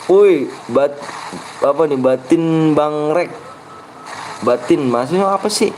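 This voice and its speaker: A man's voice: on the high side, slow, a little mellow, slight background noise. A young man with a Betawi accent streaming a game, grumbling and bickering with his chat in slangy casual talk. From Jakarta, Indonesia.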